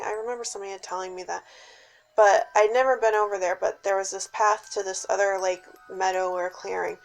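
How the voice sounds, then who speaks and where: A woman casually telling a personal scary story in a suspenseful, dramatic way, with hushed dips and emphatic stresses. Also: mid-range voice, rough recording.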